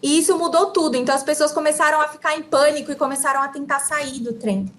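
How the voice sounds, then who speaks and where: A woman with a Brazilian Portuguese accent interprets a talk phrase by phrase. Her voice is high and her delivery fast, and she keeps pace with the speaker. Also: fairly bright tone. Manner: quick, relaying phrase by phrase. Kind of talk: consecutive interpreting.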